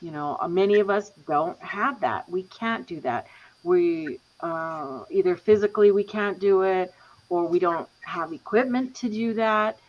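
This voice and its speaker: A woman's voice: mid-range voice, a little slow. A woman hosting a casual podcast chat, laughing now and then and talking while she is losing her voice. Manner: relaxed, laughs often, walks through slides. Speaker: podcast host. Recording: slightly dull lo-fi audio.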